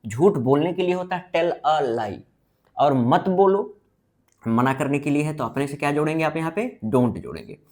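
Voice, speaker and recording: A man giving a blackboard grammar lesson, asking questions and answering them himself, and slowly stretching out his example sentences. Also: fairly high pitch, lively intonation, darkish tone. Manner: drawn-out emphasis on example sentences. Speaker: English teacher.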